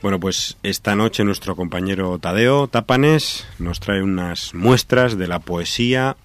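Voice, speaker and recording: A man's voice: deep voice, unhurried, soft background music. A man hosting a radio show, giving a friendly introduction to his guest. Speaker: radio host.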